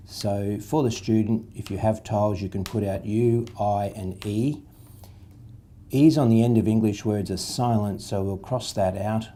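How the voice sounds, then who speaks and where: A man's voice: on the low side, dark tone. A man, patiently explaining a reading method step by step, spelling out letters and sounds. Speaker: literacy tutor.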